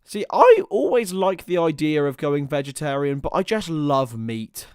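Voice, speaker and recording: Very animated, this young man has a voice on the high side that's smooth and a little mellow, at a moderate pace, recorded in studio quality with no room sound. He calls a football match live on a watchalong stream and chats with viewers. Chatty and casual, he jumps between match calls and banter with chat.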